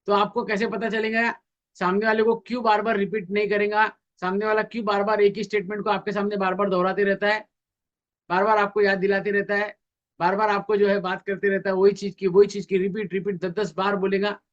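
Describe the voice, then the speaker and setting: A man's voice: sits high, flat delivery, fairly quick, highs cut off. A man speaking in a webinar on communication skills, acting out both sides of everyday conversations to make his points. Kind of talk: webinar talk.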